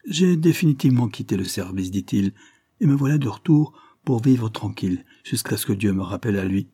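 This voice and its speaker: Male reader doing a frank old colonel, hearty and emphatic, husky low voice, dry sound. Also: animated, a little fast, dark tone, dry recording.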